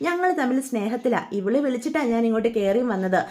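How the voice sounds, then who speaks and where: A furious young man who snaps threats and blames others, put on by a woman storyteller in her own high voice. He sounds high and close to the storyteller's everyday tone, clearly a retelling of a family drama. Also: animated, fast, darkish tone, lightly acted. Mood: defiant. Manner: threatening, accusing. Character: angry young man lashing out.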